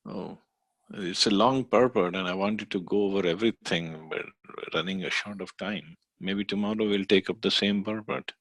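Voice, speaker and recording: Male scripture teacher, low and gravelly, dry close sound, explaining with hesitations. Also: normal speed, a bit bright, no echo. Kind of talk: scripture study lecture.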